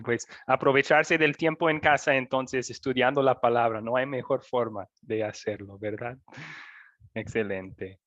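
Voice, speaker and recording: A man's voice: medium pitch, a bit bright, dry recording, muffled recording. A male teacher hosting an online class, calling on students by name in a friendly way.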